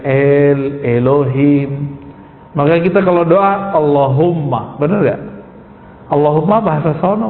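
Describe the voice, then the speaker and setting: A male preacher giving an informal sermon, putting rhetorical questions to his listeners and calling them "Pak". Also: on the high side. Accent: Indonesian. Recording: echoey hall, tinny phone-like sound.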